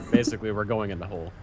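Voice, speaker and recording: A man's voice: lowish voice, quick pace, a crowd in the background. A man joining in game commentary with dry, joking asides. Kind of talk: casual gameplay commentary.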